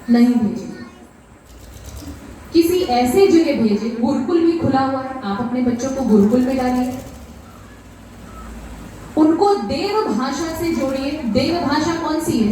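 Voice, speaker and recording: High-voiced woman preaching a katha. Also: dark tone, a little hiss or hum. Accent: North Indian Hindi. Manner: impassioned, rhetorical questions. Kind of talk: devotional sermon. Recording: echoey PA sound from far off.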